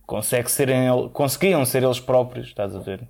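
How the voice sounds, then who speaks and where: A man's voice: medium pitch, brisk, gravelly, a little mellow. A man with a European Portuguese accent, co-hosting a podcast in casual, rambling chat with many fillers. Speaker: podcast co-host.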